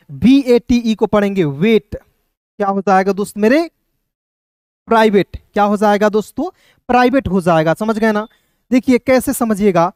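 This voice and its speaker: Guy teaching english reading, slow spelling out each letter, dry room. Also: very high-pitched, darkish tone, no room sound. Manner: slow, spells words letter by letter, asks "clear?". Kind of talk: reading lesson taught in Hindi.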